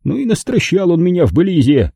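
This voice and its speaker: A nervous, bewildered male museum curator , played by a man reading a story, speaking in a halting, wide-eyed way. The voice sits well above the reader's own and is recorded close and dry. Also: high-pitched, big pitch swings, vocal fry, dark tone, husky, no room sound, pitched above the performer's own voice, full character voice.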